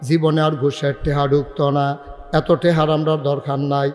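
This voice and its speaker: A man's voice: on the high side, level tone, moderate pace, a little mellow, faint music behind, lightly acted. A man voicing a pious pleading young bride. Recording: echoey hall reverb.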